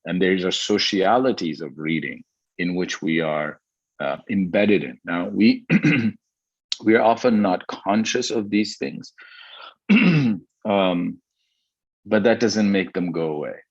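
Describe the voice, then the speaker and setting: A man from Pakistan, a historian speaking thoughtfully in an academic conversation, often pausing with fillers and restarting his sentences. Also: low-pitched, no room sound, highs cut off. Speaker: historian guest.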